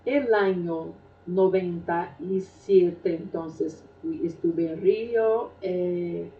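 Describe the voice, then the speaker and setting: Speaking with a fairly low pitch, a middle-aged woman from Brazil reflects on her life without rushing, stopping frequently to hesitate. Portuguese is her native language and she has a Brazilian Portuguese accent. The audio comes across as distant, roomy and dull.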